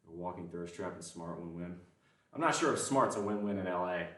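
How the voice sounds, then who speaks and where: A man livestreaming his workout in an indoor gym chats casually with viewers between sets, making fun of himself in a gentle Southern accent. His voice is low and a bit bright, with lively intonation and a slightly fast pace. He's far off-mic, and the room is very echoey.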